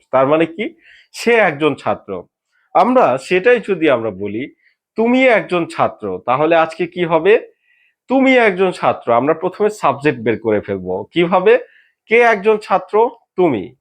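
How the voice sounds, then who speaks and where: A man teaching an English grammar lesson, posing questions to himself and answering them, then drilling example sentences slowly. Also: fairly high pitch.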